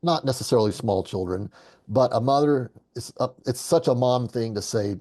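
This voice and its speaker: A man's voice: medium pitch, normal speed, warm tone. A man from the Southern United States giving a casual, digressive lesson, often correcting himself and swearing now and then. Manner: chatty, digressive, self-correcting, occasional swearing. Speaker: host and English teacher.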